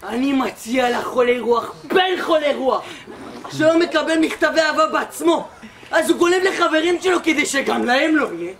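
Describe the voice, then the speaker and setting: A young woman plays a strict army squad commander who barks and mocks recruits in a high voice. It is an amateur school stage play, recorded live with clear audience noise. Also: lively intonation, a crowd in the background. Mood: barking, mocking. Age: teen or young adult. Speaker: student actor. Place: school theatre hall.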